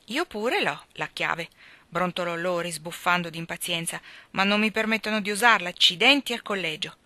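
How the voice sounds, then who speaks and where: A woman's voice: lowish voice, moderate pace, sharp tone, no echo. A woman reading aloud, voicing a restless, rebellious teenage boy who speaks in a heated, emphatic way. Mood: impatient.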